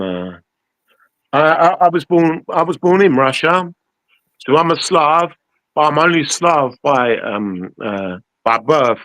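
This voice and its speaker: A man's voice: mid-range voice, fairly bright tone, no room sound, rough recording. A man, a guest on a live-streamed interview over a video call. He rambles and stammers, often repeating his opening words. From England.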